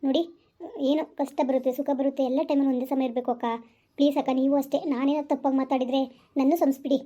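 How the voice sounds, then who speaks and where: Woman playing a kind young village woman, soothing, high voice, fast. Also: flat delivery, dark tone, lightly acted. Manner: soothing, reassuring. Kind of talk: village family skit acting.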